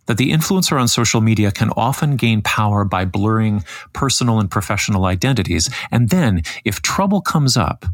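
A man hosting a podcast, reading scripted commentary in a measured, critical way. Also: fairly low pitch, no echo. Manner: measured, critical, reads quotes aloud. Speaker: podcast host.

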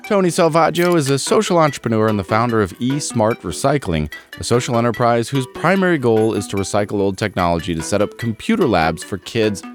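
A man hosting a podcast interview, reading a scripted intro and then joking in a self-deprecating way. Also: fairly low pitch. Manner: jokey, self-deprecating, animated. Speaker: podcast host.

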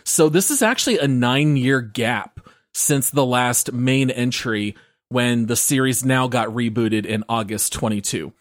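A man's voice: mid-range voice, a little slow, no echo, studio quality. A man hosting a gaming podcast, upbeat and organized as he introduces the segment. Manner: upbeat, organized, leads the show. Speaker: podcast host. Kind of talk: casual podcast chat with scripted segment intros.

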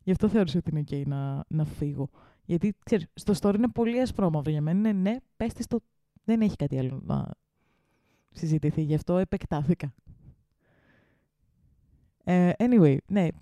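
A woman's voice: low-pitched, expressive, mellow, no room sound. A woman co-hosting a casual podcast chat, who is outspoken and fiery and swears freely. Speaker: podcast co-host.

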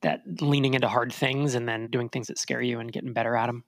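A man co-hosting a podcast in casual chat, telling stories in an animated, chatty way and laughing often. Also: mid-range voice, quick pace, no room sound. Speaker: podcast co-host.

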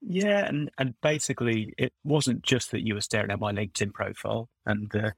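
A middle-aged man with a low, gravelly voice talks loosely through his story as a podcast guest. He wanders and restarts his sentences, and the close sound has little room echo. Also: brisk, fairly bright tone. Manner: rambling, self-correcting storyteller. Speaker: guest, former recruiter turned coach. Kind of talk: casual podcast conversation.

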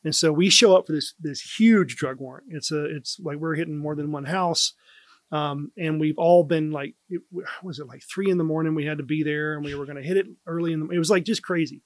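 A man's voice: fairly high pitch, fairly quick, dry recording. A man, a first responder and podcast guest, telling a work story in a casual, rambling way with plenty of fillers. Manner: relaxed anecdote teller, lots of "like" and "um".

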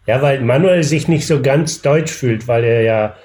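Slow, hesitant man calling in. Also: medium pitch, a little mellow. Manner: hesitant, with many fillers and self-corrections. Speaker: regular on the podcast, phoned-in guest. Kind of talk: casual chat over a call.

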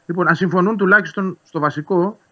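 A man's voice: sits high, dull audio. A man talking football as a guest, reasoning through his points and often agreeing with the host. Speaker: sports commentator guest. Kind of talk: casual football analysis chat.

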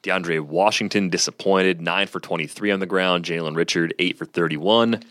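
A man's voice: sits low, normal speed, a bit bright, dry recording. A man co-hosting a sports podcast, running through game stats in a dry, clipped way. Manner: dry, clipped stat rundowns. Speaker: podcast co-host. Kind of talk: casual sports chat, reading stats.

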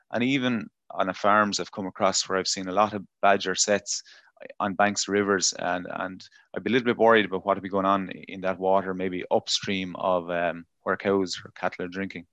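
Irish guy w a low voice, chatty interviewer, bit roundabout, dry close sound. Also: steady tone, moderate pace, fairly bright tone, dry recording. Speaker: interviewer, farm environmental adviser. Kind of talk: conversational interview.

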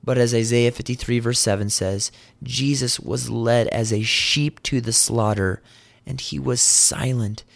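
Male preacher, sermon, slow and deliberate, gravelly, close dry sound. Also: mid-range voice, steady tone, dry recording. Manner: earnest storytelling, voicing quotes with rising intensity.

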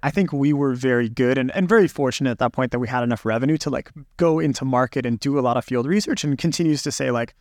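A man's voice: mid-range voice, quick pace, few pauses, no room sound, studio quality. A man who is a podcast guest, talking over research practice in a reflective, loose way with many fillers and restarts. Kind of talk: casual podcast conversation.

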